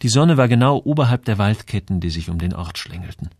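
A man reading a novel aloud in measured scripted narration. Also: fairly low pitch, animated, a little mellow, slightly rough, dry recording, clean studio sound. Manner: measured storytelling. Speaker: audiobook narrator.

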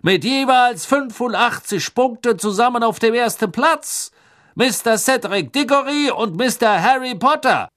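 A man voicing a jovial male tournament announcer whose voice is magically amplified over the stands, loud and showy. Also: lively intonation, measured pace, full character voice. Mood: announcing. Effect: magically amplified voice booming over the stands. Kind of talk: audiobook reading.

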